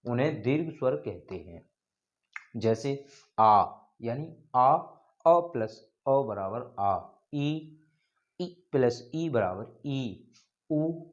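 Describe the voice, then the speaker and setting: Brief: male teacher, exam coaching lesson, slow and repetitive, mid-pitched, slightly dull lo-fi recording. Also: a little mellow. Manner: slow, repetitive explaining, drawing out called-out names. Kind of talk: exam-prep grammar lesson.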